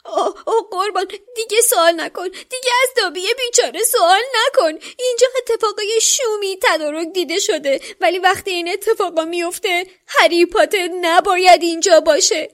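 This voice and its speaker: A woman voicing a frantic, tearful little male house-elf servant with a squeaky, stammering voice, pitched far above her own. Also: few pauses, a bit bright. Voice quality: squeaky, shrill. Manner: whimpering, stammering, pleading. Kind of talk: audiobook character voice.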